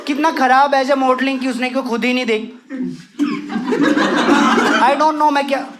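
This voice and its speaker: Crude young male stand-up comic, high-pitched. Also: steady tone, normal speed, noisy background. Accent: western Uttar Pradesh Hindi. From western Uttar Pradesh, India. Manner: crude, swearing, mixes English into Hindi. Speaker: stand-up comedian. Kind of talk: stand-up comedy set. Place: comedy stage with a laughing audience.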